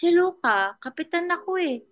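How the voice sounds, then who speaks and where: A woman's voice: very high-pitched, animated, moderate pace, lo-fi sound, voice pushed up. A woman with a Filipino accent voicing an arrogant, bossy male ship captain who blusters indignantly.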